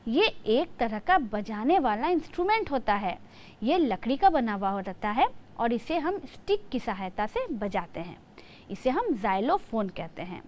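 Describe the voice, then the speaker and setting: A woman's voice: fairly high pitch, very animated, unhurried, slight background noise. A woman teacher giving a lesson to young children, spelling words out letter by letter.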